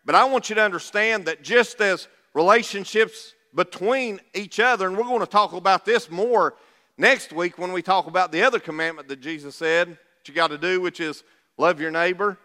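High-pitched Appalachian preacher man in a hall. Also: pushed and bright. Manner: folksy, conversational, asks the congregation rhetorical questions. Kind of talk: sermon. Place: large reverberant room, preaching to a congregation. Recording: reverberant hall sound.

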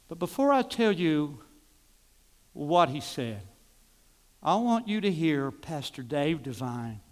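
Pastor, high-pitched, lively storytelling sermon, long hall reverb. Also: male voice. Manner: animated storytelling, swinging from loud to hushed.

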